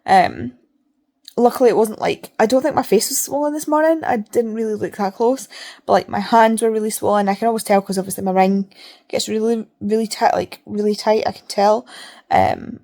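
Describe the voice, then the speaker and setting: Female vlogger, casual and rambling, mid-pitched, speaks through a barely opened mouth, repeats words for emphasis. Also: fairly even intonation, normal speed, creaky, mellow. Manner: talks with mouth barely open. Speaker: reading vlogger. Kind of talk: casual chat to camera.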